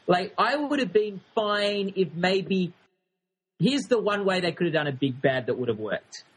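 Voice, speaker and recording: A man's voice: high-pitched, animated, unhurried, husky. A man co-hosting a podcast, giving drily critical opinions in a casual, hesitant way with many restarts. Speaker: podcast co-host. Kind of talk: casual review chat.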